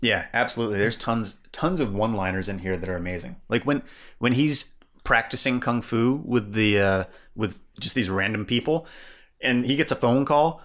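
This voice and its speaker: A young man in casual podcast chat, recounting scenes from a film with lively enthusiasm. He laughs often as he talks. His voice sits at an ordinary middle pitch. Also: normal speed. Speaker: podcast co-host. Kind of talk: casual movie review chat.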